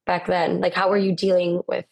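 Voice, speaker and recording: A woman co-hosting a podcast interview, asking questions in a gentle, measured way. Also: lowish voice, completely flat delivery, gravelly. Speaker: podcast co-host. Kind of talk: conversational interview.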